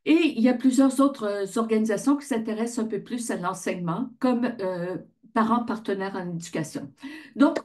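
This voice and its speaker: With a fairly high, warm voice, this woman from around Ottawa, Canada, presents conversationally and informally, asking questions and then answering them herself. She founded a volunteer reading association.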